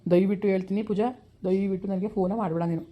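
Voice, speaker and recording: A woman's voice: medium pitch, steady tone, fast, muffled recording, natural voice. A woman voicing a stern young village man with a rural Kannada accent, curt and dismissive. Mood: cold. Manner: curt, dismissive, repeats his refusal. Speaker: actor in a village skit. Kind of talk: village skit acting.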